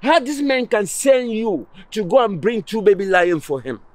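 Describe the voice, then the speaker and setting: A man's voice: high voice, big pitch swings, normal speed, no room sound, voice pushed up. A storyteller voicing a grieving, protective old grandmother who comforts her grandson. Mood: tender.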